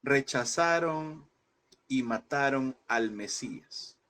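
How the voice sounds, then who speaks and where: A man's voice: mid-range voice, takes it slowly, a bit bright. A man teaching a Bible class in a preaching style, emphatic and repeating phrases, often calling listeners brother.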